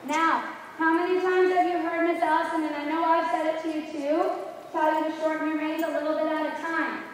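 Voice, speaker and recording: A woman riding instructor coaching a live lesson with brisk, projected commands, firm and instructive, often checking understanding with questions. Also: very high voice, little pitch movement. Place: large echoey riding arena. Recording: echoey hall, distant mic, background noise.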